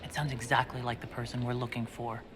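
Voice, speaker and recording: In a video game cutscene, a man voices the male leader of the player's side, asking plain, direct questions with light acting. His mid-range voice is level and quick, set against a noisy background of orchestral music.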